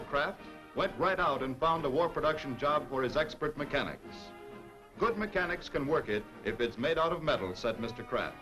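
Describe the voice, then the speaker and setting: A matter-of-fact announcer from an old 1940s newsreel, a man with a slightly high voice. He reads cleanly and evenly, with faint music playing underneath. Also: fairly bright tone, rough recording. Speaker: newsreel narrator.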